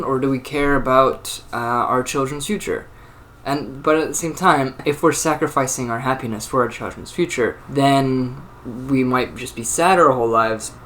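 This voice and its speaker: A man's voice: medium pitch, a bit bright, a little hiss or hum. A man in his early twenties talking alone in a rambling, thoughtful way, with many fillers and restarts. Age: 20s. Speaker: channel host. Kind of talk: casual solo monologue.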